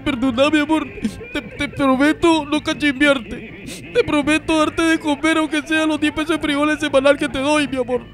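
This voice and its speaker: A man's voice: very high-pitched, little pitch movement, brisk, few pauses, a bit bright, soft background music. A man with a Nicaraguan Spanish accent acting in a comic sketch, pleading and joking.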